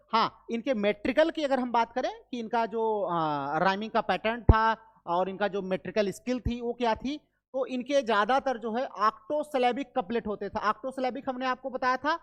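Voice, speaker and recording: An Indian woman teaching literature for exams, mixing Hindi with English terms and drilling facts through repetition and quick quiz questions. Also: a little high, fairly bright tone. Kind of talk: online exam-prep lecture.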